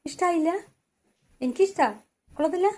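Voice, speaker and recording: A woman's voice: very high-pitched, moderate pace, warm tone. A woman with a Kerala accent, chatting casually and playfully as she cooks with a small child at home. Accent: Kerala Malayalam. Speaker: home cook vlogger. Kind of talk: casual family cooking chat. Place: home kitchen.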